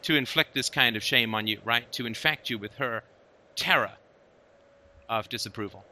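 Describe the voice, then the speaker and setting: A man's voice: medium pitch, normal speed, bright, forceful tone. A man hosting a casual conversation, talking emphatically and often checking in with "right?". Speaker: host.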